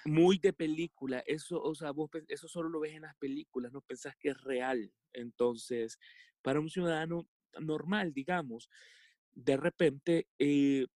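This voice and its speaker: A man from El Salvador with a Salvadoran accent, telling a personal story as a podcast guest in a halting way, with many fillers and restarts. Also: fairly high pitch, fairly even intonation, darkish tone, no room sound, studio quality. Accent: Salvadoran Spanish.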